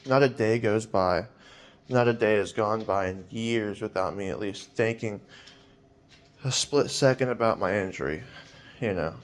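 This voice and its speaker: A man's voice: on the low side, a little slow. A man in his twenties talking in a personal vlog, hesitant and rambling with many fillers, sounding weary and anxious. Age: 20s.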